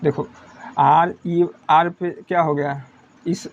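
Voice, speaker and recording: A man's voice: on the high side, level tone, slow pace, creaky, highs cut off, a little hiss or hum. A young man teaching a lesson, explaining step by step, repeating points and often checking that students follow. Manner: repetitive, checking understanding with "thik hai". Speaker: English teacher. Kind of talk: whiteboard lesson in Hindi.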